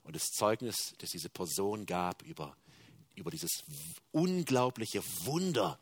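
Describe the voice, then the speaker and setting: Animated German preacher with dramatic swings. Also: male voice, lowish voice, unhurried, husky, no echo. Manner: dramatic swings between hushed confessional tones and loud emphatic preaching. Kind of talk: sermon.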